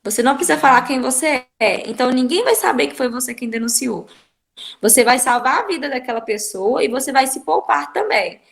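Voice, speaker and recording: A woman talks as a program guest. Her voice sits somewhat high. She explains things in an earnest, instructive way and speaks directly to the listener. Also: lively intonation, a little fast, vocal fry. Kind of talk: explanatory talk giving advice.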